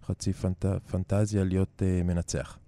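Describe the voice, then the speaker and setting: A middle-aged man from Israel speaks Hebrew with a French accent, reflecting hesitantly in an interview and pausing to search for words. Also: low-pitched, little pitch movement, mellow, dry recording. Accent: French-tinged Hebrew. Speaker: interview guest, artist.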